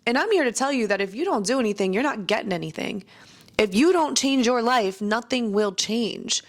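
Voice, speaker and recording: A woman's voice: fairly high pitch, animated, normal speed. Earnest woman vlogging, motivational. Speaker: business owner and coach. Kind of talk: personal vlog talk.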